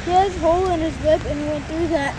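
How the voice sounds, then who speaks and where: Excited boy exclaiming at the pond. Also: very high-pitched, fast. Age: child. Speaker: son fishing with his father. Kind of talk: casual chat. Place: outdoors on a grassy pond bank. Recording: loud outdoor noise, distant from the mic.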